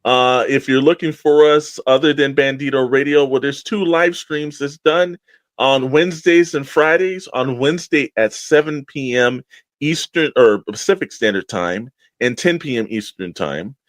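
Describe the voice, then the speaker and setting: A podcast co-host with a medium-pitched voice talks at a moderate pace, enthusiastic and informal, rambling through promotional chat as if among friends. The recording is dry and close, with no echo and very little room sound.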